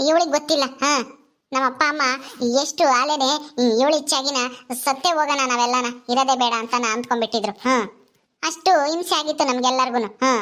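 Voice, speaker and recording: A woman's voice: high-pitched, fairly bright tone. A woman voicing a bitter younger sister who complains indignantly in a family drama skit.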